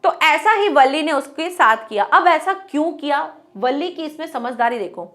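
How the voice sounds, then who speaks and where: A woman teacher with a high, light voice talks students through a lesson. She mixes English terms into her explanation, poses rhetorical questions, and acts out little bits of dialogue to make her points. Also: animated, normal speed, a bit bright. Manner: explains in Hindi mixed with English words, asking herself rhetorical questions.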